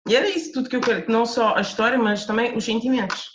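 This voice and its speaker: A woman's voice: fairly high pitch, rapid-fire, a loud crowd. Earnest Lisbon-accented woman, roomy dull recording. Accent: Lisbon Portuguese. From Portugal. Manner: earnest, reflective, restarts often. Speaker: author, interview guest. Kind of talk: podcast interview.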